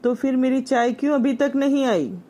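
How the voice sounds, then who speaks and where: A woman's voice: high-pitched, moderate pace, voice pushed up, lightly acted. A woman voicing a grumpy older village mother-in-law who nags and scolds sharply. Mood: nagging. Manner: sharp, nagging complaints.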